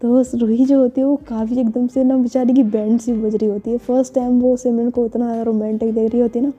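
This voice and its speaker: A woman narrating a romantic story in a chatty, casual way, full of fillers and quick self-corrections. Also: a little high, little pitch movement, breathy edge. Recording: dull lo-fi recording with faint music. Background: faint background music.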